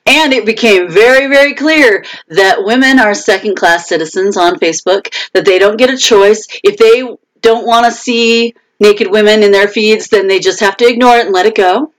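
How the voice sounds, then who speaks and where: A woman's voice: mid-range voice, normal speed, rough recording. A woman author chatting casually on her own live video stream, talking through frustrations with fillers and restarts.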